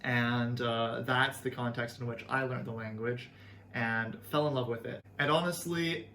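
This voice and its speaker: A young Canadian language teacher explains things in a casual video lesson, sounding friendly and earnest with the occasional filler word. His medium-pitched, sharp voice stays fairly even and a little slow, recorded in an echoey room with faint ambience and slight background noise.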